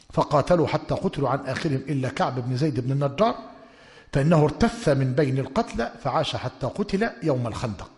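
A man gives a religious history lesson in a slightly high voice that swings widely in pitch. He dictates to his students and punches his key points with emphatic exclamations. A long reverb trails each phrase, as in a large hall. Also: a little mellow. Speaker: religious teacher. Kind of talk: lecturing on prophetic history.

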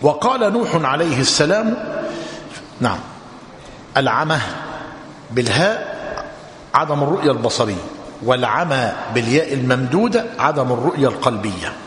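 A man giving an explanatory religious lesson in a measured way, pausing to dictate notes to his students. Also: medium pitch, big pitch swings, fairly bright tone. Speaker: religious teacher. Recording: echoey hall with long reverb, faint noise.

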